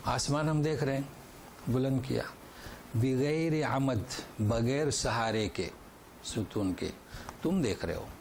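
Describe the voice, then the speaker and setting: Male Quran teacher, patient explainer, slow recitation, faint room hiss. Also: medium pitch, a little mellow. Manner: explains verse by verse, recites Arabic slowly then translates; asks and answers his own questions. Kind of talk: Quran lesson with commentary. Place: lecture hall.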